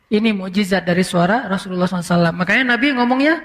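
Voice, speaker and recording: A male preacher tells a story in a relaxed, chatty sermon style. He slips English words into his speech. His voice sits very high for a man, and it trails off into a long hall echo. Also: very fast. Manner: conversational, mixing in English words, animated retelling.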